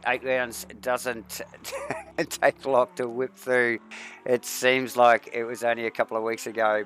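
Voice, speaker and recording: A man's voice: medium pitch, fairly bright tone, a little hiss or hum. Give me a man hosting a sim racing broadcast in a loose, rambling commentary style. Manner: rambling, reads long lists of names. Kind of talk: casual commentary chat.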